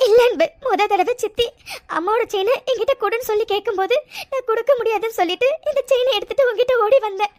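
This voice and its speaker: A woman's voice: very high-pitched, quick pace. A woman voicing a sincere young woman in a cartoon, tearful and pleading, often repeating her words. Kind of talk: cartoon voice acting.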